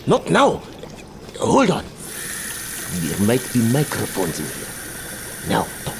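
Guy doing a sneaky cook whispering plots, slow, dishes clattering behind. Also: on the high side, wildly swooping pitch, background noise, voice pushed up, full character voice. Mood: conspiratorial.

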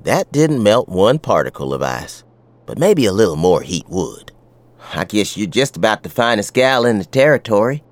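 A man's voice: fairly low pitch, very animated, moderate pace, dry recording. An actor playing a wry, tough frontier sheriff who tells his western story in folksy talk with an American West accent. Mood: wry, reflective. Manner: folksy, colloquial. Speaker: narrator and lead character. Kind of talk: dramatized first-person western storytelling.

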